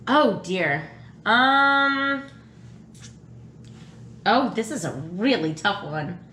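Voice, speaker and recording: A woman co-hosting a casual question game, chatty and thinking aloud with frequent pauses. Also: medium pitch, expressive, pushed and bright. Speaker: channel co-host answering questions. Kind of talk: casual chat. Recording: echoey room with faint noise.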